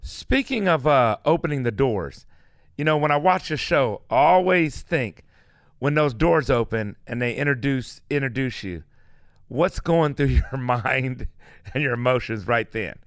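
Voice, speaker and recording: Lively, chatty male radio host. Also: medium pitch, measured pace, no room sound, studio quality. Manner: chatty, stumbling interviewer. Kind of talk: casual interview.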